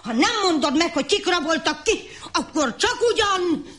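An actress playing a scolding farm wife who has been robbed, in a radio play. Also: female voice, expressive, a bit bright. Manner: shrill, scolding.

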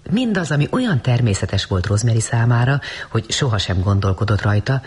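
A man narrating a story as an audiobook, reading in an expressive, dramatic way. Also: medium pitch, slightly rough.

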